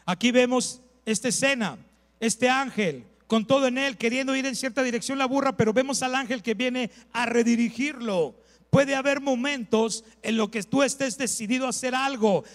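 A man, a pastor preaching a sermon with lively storytelling, repeated phrases and asides to the congregation. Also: very high voice, in a large hall.

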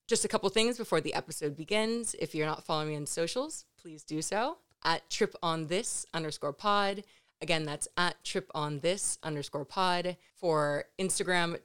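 A woman podcast host with a slightly low, smooth voice. She speaks clearly and effusively as she presents and interviews, sounding enthusiastic about what she shares. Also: a bit bright.

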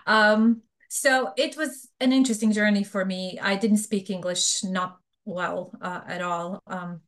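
A woman's voice: mid-range voice, fairly even intonation, measured pace, a bit bright. A middle-aged woman from Bosnia with a Bosnian accent, speaking frankly and chattily as an interview guest. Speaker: guest, fraud professional. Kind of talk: casual interview talk.

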